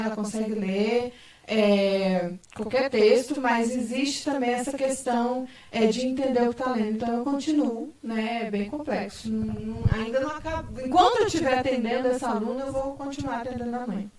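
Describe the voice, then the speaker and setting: A woman's voice: on the high side, darkish tone. Woman teacher rambling a story w lots of fillers, sounds far off in a roomy space. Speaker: special education teacher. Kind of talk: panel talk show answer. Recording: echoey room, far from mic.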